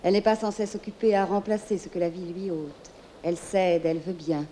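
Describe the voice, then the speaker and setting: A woman's voice: fairly low pitch, fairly even intonation, brisk, warm tone, slight background noise, natural voice, rough recording. A woman playing a serene, consoling moon spirit in a theatrical film monologue, speaking lyrically in dreamy, lingering phrases. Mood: serene, tender.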